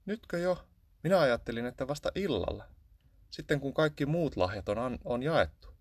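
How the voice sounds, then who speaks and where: A man's voice: medium pitch, lively intonation, breathy edge, no echo, voice pushed up. A man voicing a small, timid shrew in a storybook, speaking in a puzzled, hesitant way.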